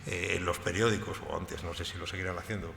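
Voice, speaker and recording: Male writer panelist, gravelly and low, animated, echoey hall. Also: fast talker, a little hiss or hum. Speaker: panelist, short story writer. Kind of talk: panel discussion. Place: large hall at a book fair. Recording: roomy hall with long reverb.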